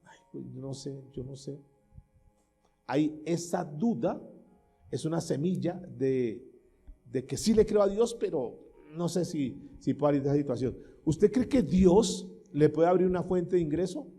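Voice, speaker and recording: A man's voice: a little high, animated, moderate pace, dark tone, husky, faint music behind. A male pastor preaching a sermon with emphasis, asking questions of his listeners and acting out short prayers and doubting voices.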